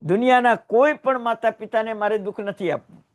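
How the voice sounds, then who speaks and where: A man preaching to a congregation in a fairly high voice. He tells heartfelt stories, swelling loud and then sinking to near whispers. He is a Jain teacher from Gujarat. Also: fairly quick. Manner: emotional storytelling with sudden rises and hushed drops. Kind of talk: sermon.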